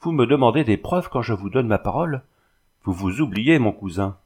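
A man's voice: mid-range voice, lively intonation, moderate pace, darkish tone, husky. A man reading the lines of a proud, wounded young woman, speaking with bitter pride. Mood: indignant.

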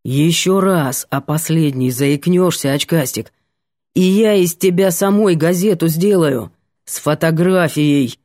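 A woman reading an audiobook, voicing a rude, gruff young male student who talks brusquely and threatens. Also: low-pitched, unhurried, dark tone, no echo, clean studio sound, voice pushed down. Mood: angry.

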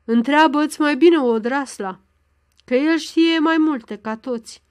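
A woman's voice: a little high, fairly bright tone, natural voice. A woman reading the lines of an upset middle-aged village schoolteacher in a storybook, reporting grim news. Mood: grave. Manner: grave, troubled.

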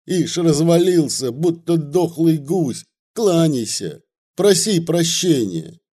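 A man's voice: on the high side, big pitch swings, slow, warm tone, pitched above the performer's own voice, exaggerated voice. A man reading aloud and voicing a sly, fawning village miller who blusters and pleads. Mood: pleading.

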